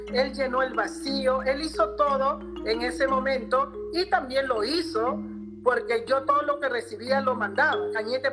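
A woman's voice: a little high, bright, forceful tone, poor audio. A woman with a Peruvian accent, earnestly telling her personal faith story in an interview and often tagging her phrases with a questioning "¿no?". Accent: Peruvian Spanish. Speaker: interviewee giving a faith testimony. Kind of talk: personal testimony in conversation.

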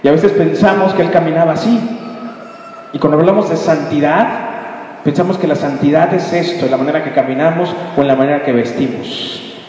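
A man preaching a sermon, animated and quizzing the congregation, heard from far off in an echoey hall. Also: a little high, fairly quick. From Yucatán, Mexico.

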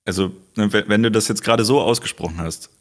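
A man co-hosting a casual tech podcast, musing out loud with hesitations. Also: lowish voice, quick pace. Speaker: podcast co-host.

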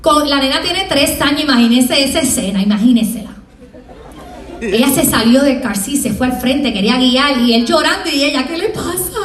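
A woman professor with a Puerto Rican accent, giving a lively motivational talk to students and acting out little scenes as she tells them. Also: high-pitched, normal speed. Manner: lively, acts out scenes in small voices. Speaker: university professor. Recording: echoey room, from far off.

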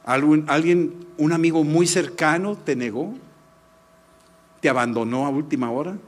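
A middle-aged man with a Mexican Spanish accent, preaching a sermon and telling a personal story in a lively, emphatic way. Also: on the high side. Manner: lively, shifts between animated anecdote and slow emphatic teaching. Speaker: pastor.

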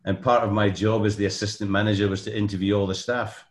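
An older Scottish man chats as a podcast guest, his fairly low voice winding through anecdotes full of ums and false starts. The recording has a noticeably roomy echo. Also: flat delivery, fast talker. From Scotland. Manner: rambling anecdotal storyteller, many ums and restarts. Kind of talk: casual podcast chat.

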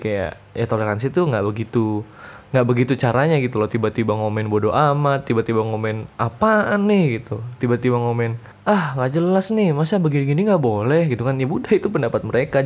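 A young man from Indonesia, giving his opinions in a casual, chatty monologue full of fillers. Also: mid-range voice.

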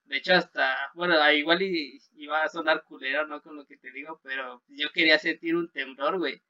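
A young man with a Mexican Spanish accent talks in a laid-back, slangy way, full of fillers. His voice is bright and sharp and sits a little high. The sound is dull and lo-fi. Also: fairly even intonation, a little fast. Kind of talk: casual chat.

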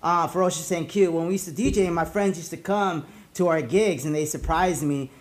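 A man hosting a show as a party hype man, chatting casually in a rambling, halting way with plenty of slang. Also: fairly high pitch. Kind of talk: casual, slangy host chat.

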